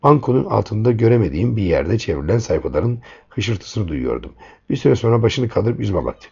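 A man's voice: lowish voice, sing-song, moderate pace, creaky, darkish tone, slightly rough. A man reading a first-person story aloud in a tense, dramatic way, in a dull lo-fi recording.

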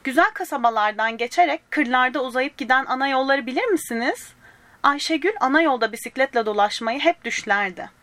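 High-voiced woman reading a children's story. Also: animated, brisk, no room sound. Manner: gentle, addresses young listeners directly; voices the characters' lines in small shifts.

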